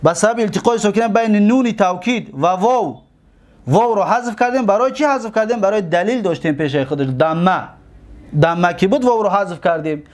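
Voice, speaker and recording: High-voiced man teaching grammar drills. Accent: Tajik. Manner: drills word forms slowly and repeatedly, checks on students. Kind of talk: classroom lesson.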